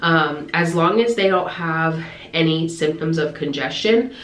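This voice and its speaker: Chatty woman vlogger, congested and lower-voiced. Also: a little slow, echoey room. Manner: chatty, rambling with many fillers. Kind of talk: casual vlog chat. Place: car, then home.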